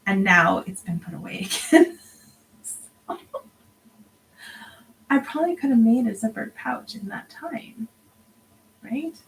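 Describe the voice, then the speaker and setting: A woman's voice: a little high, big pitch swings, unhurried, gravelly, long pauses, poor audio. A tired woman in her thirties chatting casually during a crafting livestream, often dropping to a half-whisper as she counts stitches. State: tired, yawning. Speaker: crafting vlogger. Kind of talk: casual chat while stitching.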